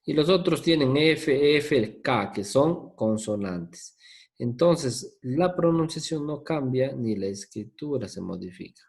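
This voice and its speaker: Slow patient male English teacher. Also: medium pitch, lively intonation, darkish tone. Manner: slow, patient, asks for confirmation often. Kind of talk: online class. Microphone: video call.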